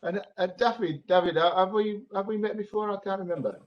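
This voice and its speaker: A man's voice: sits high, a little fast. Dull-sounding male meeting chair, hesitant delivery. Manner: hesitant, repeats words. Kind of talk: informal meeting facilitation. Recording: dull lo-fi video call audio.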